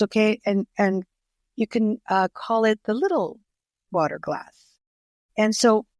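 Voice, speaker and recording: This older woman, a native Greek speaker, appears as an author in an interview and relates stories with earnest feeling, often backing up to restart. Her mid-range voice has a darkish tone, captured dry and at studio quality.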